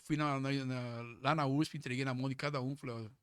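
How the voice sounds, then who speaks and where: A middle-aged man telling a story as a podcast guest, casual and lively, jumping up in pitch whenever he quotes someone. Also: fast talker, no echo. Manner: animated, jumps to high pitch when acting out quoted speech.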